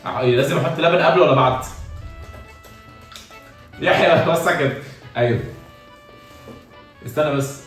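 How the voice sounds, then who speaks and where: A young man with an Egyptian Arabic accent hosting a casual challenge video, talking loudly and half-shouting his instructions. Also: a little high, moderate pace, long pauses. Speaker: YouTuber host. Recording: echoey room, far from mic, music behind.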